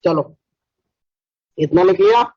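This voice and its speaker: A high-pitched man delivers a chemistry lecture in a brisk, scolding manner, repeatedly pushing his students to answer quickly. The recording is dry and dull with a lo-fi edge.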